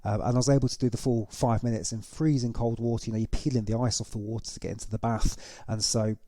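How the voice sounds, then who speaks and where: A man's voice: mid-range voice, flat delivery, fast talker, warm tone, no room sound. A man hosting a reaction video, giving casual, conversational commentary and explaining things as he goes. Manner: explanatory, conversational, with tag questions.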